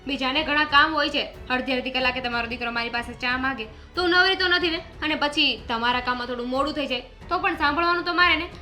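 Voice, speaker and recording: A woman's voice: high-pitched, sharp tone. An actress playing a young daughter-in-law who argues back defensively with her mother-in-law. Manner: argumentative, defensive. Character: defiant young daughter-in-law, sharp-tongued.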